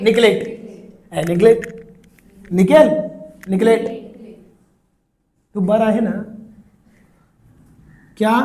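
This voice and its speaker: A man, teaching chemistry in a lively, repetitive way and teasing his students. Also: sits high. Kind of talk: classroom lecture.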